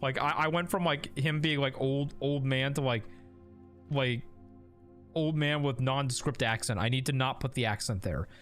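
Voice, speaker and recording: A man's voice: medium pitch, normal speed, fairly bright tone, faint music behind. A man hosting a casual live game stream, rambling and laughing with lots of fillers and restarts. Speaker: streamer and host.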